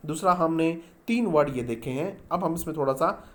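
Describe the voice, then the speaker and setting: A man's voice: on the high side, moderate pace. A man teaching an English grammar lesson, spelling words letter by letter and answering his own questions. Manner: addresses students as "beta". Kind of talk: classroom-style grammar lesson.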